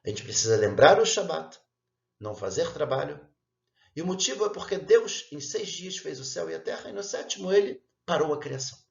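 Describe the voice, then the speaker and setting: A man giving an earnest religious lesson, explaining each point in a measured way. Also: fairly high pitch, expressive, creaky, roomy sound, dull audio. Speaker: religious teacher.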